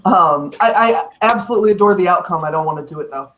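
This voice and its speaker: Woman author, mid pitch, rambling and frank, faint hiss on the call. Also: fast talker, a bit bright, low-quality recording. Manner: rambling, self-correcting, frank. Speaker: author guest. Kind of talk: casual chat on a video call. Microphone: video call.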